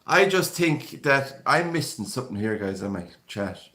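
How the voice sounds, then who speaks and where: A man's voice: mid-range voice, animated, normal speed, pushed and bright. A man from Galway with a west of Ireland accent hosting a live stream, chatting casually and reading out viewer comments in a rambling, conversational way.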